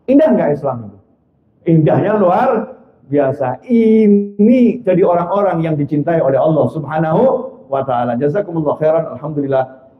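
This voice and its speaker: A man preaching a sermon to a congregation, animated, swinging between loud exclamations and soft low asides and acting out the voices of people in his stories. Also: moderate pace. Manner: acts out quoted voices in dialogue. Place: mosque or hall before a congregation. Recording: echoey room, dull lo-fi sound.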